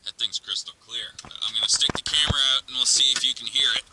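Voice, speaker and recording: Speaking quickly in a medium pitch, a male vlogger works inside a car and walks through a radio install in an informal, think-aloud style. Clicks and noise from the car interior fill the recording.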